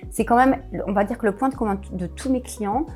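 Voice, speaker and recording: A woman's voice: on the high side, a little fast, a little mellow, soft background music. A woman business coach chatting casually in an interview, hesitant with many fillers and restarts.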